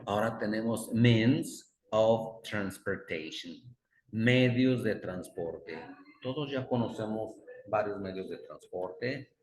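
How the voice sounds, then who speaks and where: Slow low-voiced male teacher, echoey room. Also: a little mellow. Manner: repeats example words again and again, patient drilling; stops to correct himself. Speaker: English teacher. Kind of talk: classroom grammar explanation. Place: classroom with students. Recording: roomy classroom echo.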